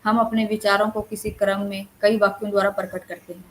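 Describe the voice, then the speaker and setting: Female online counsellor, lecture delivery, mid-pitched, faint noise floor. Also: little pitch movement, brisk, rough recording. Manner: explanatory, reads out short example sentences. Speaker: counsellor teaching Hindi language.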